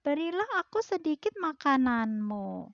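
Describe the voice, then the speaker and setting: A woman's voice: very animated, a little slow, no room sound, lo-fi sound, heavily acted. A woman doing a hungry, pleading storybook duck. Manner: begging, whiny and high.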